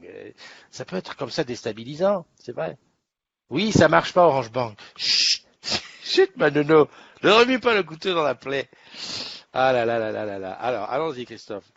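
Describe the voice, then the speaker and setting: A man's voice: medium pitch, no echo. A man hosting a morning live stream, chatting casually and rambling, with many restarts and laughs. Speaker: host of a morning live show. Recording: dull lo-fi live stream audio.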